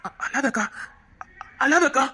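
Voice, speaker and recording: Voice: high-pitched, lively intonation, slow pace, sharp tone, exaggerated voice. A performer playing an earnest village man with a Tirunelveli Tamil accent, reassuring his aunt and muttering asides in a comedy skit. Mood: consoling.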